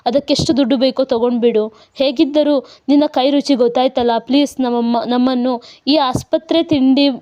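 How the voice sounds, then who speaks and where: A grateful older man in a hospital bed, coaxing and affectionate in this storybook reading, as a woman reads him. The voice stays high and mellow, and the recording sounds dull and lo-fi. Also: fairly even intonation, normal speed, lightly acted. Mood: pleading.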